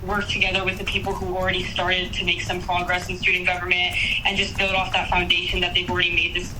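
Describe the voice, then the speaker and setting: A woman's voice: lowish voice, completely flat delivery, fast, bright, forceful tone. Young woman on speakerphone, casual and eager. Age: young adult. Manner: casual, eager, many fillers like "like" and "um". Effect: heard over a speakerphone call. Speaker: student applicant. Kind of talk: phone interview answers. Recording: distant speakerphone with clear background noise.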